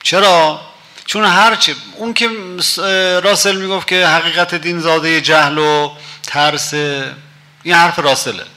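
Forceful, bright-voiced male lecturer. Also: a little high, steady tone. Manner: conversational, asks rhetorical questions. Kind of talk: storytelling lecture with quoted poetry.

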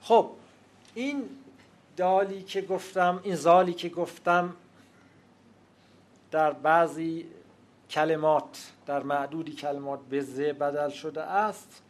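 A man giving an academic lecture, speaking in a measured, explanatory way and pausing often with hesitations. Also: on the high side. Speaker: lecturer on language history.

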